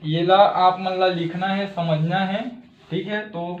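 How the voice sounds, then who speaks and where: A man's voice: high-pitched, steady tone, measured pace, roomy sound, phone-quality sound. A man with a Chhattisgarhi accent teaching a step-by-step math lesson, often checking in with "thik hai".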